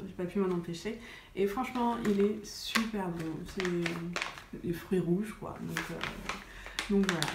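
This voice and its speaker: A woman vlogging about wellness in a casual chat to the camera, chatty and full of hesitations. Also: medium pitch. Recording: roomy sound with faint noise.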